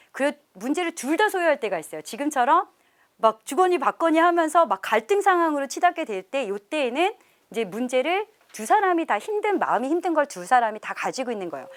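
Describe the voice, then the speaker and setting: Animated woman lecturing on parenting. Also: sits high. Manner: animated, laughs often, acts out quoted parents. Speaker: professor leading a parenting seminar. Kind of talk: lecture to a live audience.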